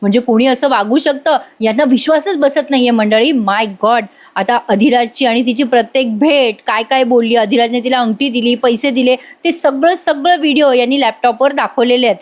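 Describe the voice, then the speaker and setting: A woman's voice: on the high side, normal speed, few pauses. A woman recapping a TV serial episode in a chatty voice-over, talking straight to her viewers. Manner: chatty, addresses the viewers directly. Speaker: TV serial reviewer.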